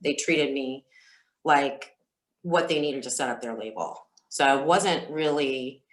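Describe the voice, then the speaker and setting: In a roomy, echoey recording, a woman with a very deep voice tells stories as an interview guest. She is a singer, and she talks candidly and casually, often halting to reflect.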